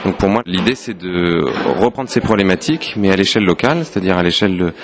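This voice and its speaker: A man's voice: deep voice, animated, fast, crowd noise. A man answering an interview question in an earnest, explaining manner. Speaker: interview guest.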